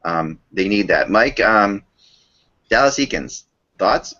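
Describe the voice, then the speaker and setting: Deep bright-voiced man hosting a sports podcast. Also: expressive, slow pace. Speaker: podcast host. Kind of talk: casual sports podcast discussion. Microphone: remote online call. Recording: dull lo-fi online call audio.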